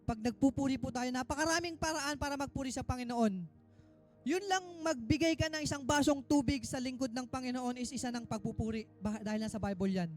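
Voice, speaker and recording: Man, minister, sermon, high-pitched, emphatic, loud exhortations and quiet asides, soft music behind. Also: a little fast. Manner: emphatic preaching, mixing Tagalog and English.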